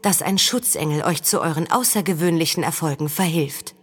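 A woman voicing a quick-witted young female street performer with loud, showy stage patter. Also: low-pitched, breathy edge, long reverb tail. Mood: coaxing.

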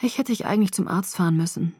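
A woman voicing a tired, caring young man who speaks softly and a bit awkwardly. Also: lowish voice, fast talker, breathy edge, no room sound, clean studio sound.

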